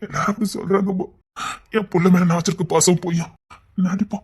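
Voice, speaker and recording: An actor playing a middle-aged uncle in a TV serial, tender and pleading, who keeps repeating endearments. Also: male voice, high voice, flat delivery, fast, darkish tone, breathy edge. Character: doting, guilt-ridden middle-aged uncle. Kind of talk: TV serial acting.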